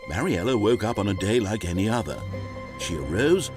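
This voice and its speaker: A man's voice: fairly low pitch, very animated, brisk. A man narrating a video game story in a dry, wry, theatrical way. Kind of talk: scripted narration. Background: game music.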